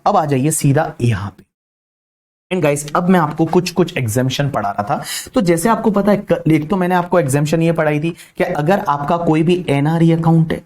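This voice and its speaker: A man giving an exam-prep tax lecture. He reads legal text slowly, then paraphrases it quickly and repeats each point several times. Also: a little high, darkish tone.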